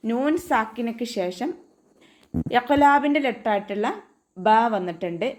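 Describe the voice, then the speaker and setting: A woman's voice: lowish voice, a little mellow. Patient Malayali woman teaching tajweed. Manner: patient step-by-step instruction with chanted recitation examples. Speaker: Quran recitation teacher. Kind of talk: online tajweed lesson.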